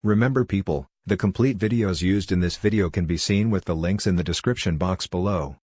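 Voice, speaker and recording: A man's voice: deep voice, fairly quick, a little mellow, husky, dry recording. A man delivering an indignant, campaigning commentary voice-over. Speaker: channel narrator.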